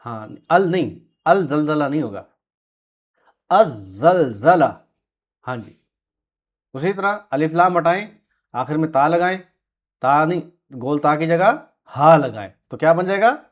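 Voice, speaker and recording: Man, Quran Arabic teacher, patient corrections, fairly high voice. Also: animated, normal speed. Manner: patient, corrects and confirms students; clears throat often, soft short confirmations. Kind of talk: classroom lesson with students.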